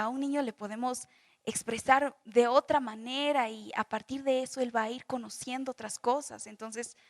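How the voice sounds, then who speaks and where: A young Bolivian woman leads a Bible study, her voice sitting a little high. She explains patiently, circling back and repeating herself to make the point plain. The sound is close and dry, with no room around it. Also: no echo. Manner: explains with homely examples, repeats phrases, many restarts. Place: church school classroom.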